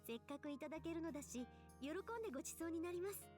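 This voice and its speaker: An actress voicing a gentle, eager-to-please schoolgirl, speaking politely and shyly in a game. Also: extremely high pitch, rapid-fire, soft background music. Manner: polite and shy. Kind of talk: game voice acting.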